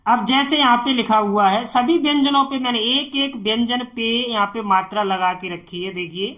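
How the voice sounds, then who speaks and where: A woman's voice: on the high side, normal speed, fairly bright tone. A woman teacher giving an online spelling lesson. She spells letters out syllable by syllable and answers her own questions. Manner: asks questions and answers them herself.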